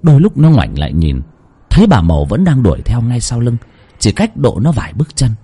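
A man narrating a horror story dramatically, with sweeping swings in pitch. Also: huge pitch swings, fairly quick, warm tone, breathy edge.

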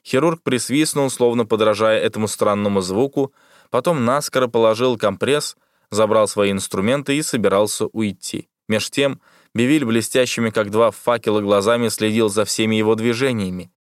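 A man narrating an audiobook in a steady, measured way. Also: on the low side, smooth, dry recording, clean studio sound. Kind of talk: scripted narration.

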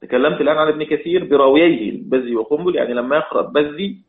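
A man's voice: a little high, rapid-fire. A man teaching a religious lesson, asking questions aloud and repeating each point for emphasis. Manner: asks questions then answers them. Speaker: Quran recitation teacher. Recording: echoey tinny phone-like sound.

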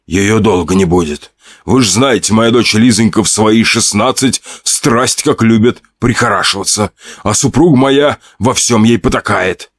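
A composed master of the house speaks in a soothing, measured tone, as a male narrator does him. His voice stays steady and reassuring. The sound is close and dry. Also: fairly low pitch, no echo, close to an everyday voice. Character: composed mustached head of the household.

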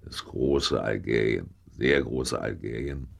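A man speaking slowly in an interview, weighing each phrase and repeating some. His voice is extremely deep and gravelly, with a husky edge. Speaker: interviewed eyewitness. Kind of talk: reflective interview answer.

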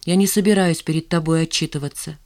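A woman's voice: low voice, fairly even intonation, quick pace, a little mellow, lightly acted. A woman reading the part of a proud, moody young woman in an audiobook, sullen and sarcastic.

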